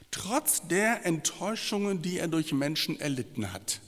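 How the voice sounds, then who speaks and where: Male preacher, impassioned sermon delivery, slow measured pace, hall reverb. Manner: impassioned, swings between loud emphatic peaks and quiet low phrases.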